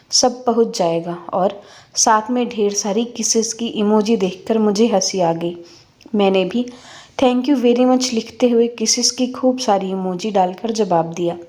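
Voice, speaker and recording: A woman in her fifties telling a family story in the first person, calm and reflective. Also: medium pitch. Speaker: narrator.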